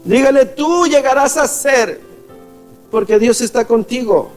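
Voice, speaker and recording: A man preaches a sermon in a very high voice, drawing out his words slowly. He addresses the congregation as beloved and voices the figures in his stories. Soft music plays faintly beneath him. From Ecuador. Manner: preaching, calls the congregation "amados", acts out quoted voices. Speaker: pastor.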